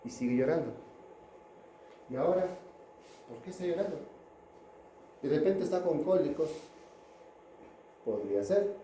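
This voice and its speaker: A man's voice: on the high side, animated, a little slow, long pauses, dark tone, echoey room, a little hiss or hum, low-quality recording. A man giving a pediatrics class lecture, chatting with students and asking them questions.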